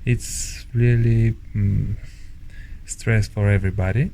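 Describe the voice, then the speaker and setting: A man from Bulgaria with a Bulgarian accent, answering interview questions in English in a hesitant way with many pauses and fillers. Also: lowish voice, steady tone, gravelly, dark tone, slight background noise. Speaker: interview guest.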